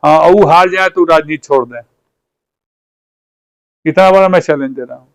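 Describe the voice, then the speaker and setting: A man's voice: on the high side, normal speed, smooth, no room sound, low-quality recording. A man with a Bhojpuri accent, a party leader speaking in a political interview, fiery and rhetorical, repeating phrases for emphasis.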